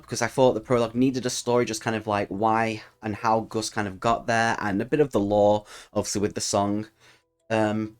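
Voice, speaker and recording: Storytelling narration mixes with casual chatter as this man runs his solo tabletop roleplaying channel, speaking to listeners as their storyteller. His voice is smooth and lowish.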